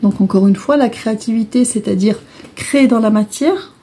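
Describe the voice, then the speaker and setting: A woman's voice: a little high, moderate pace, mellow, slight background noise. A woman giving a casual oracle card reading, explaining each card in a repetitive, hesitant way. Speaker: tarot and oracle card reader.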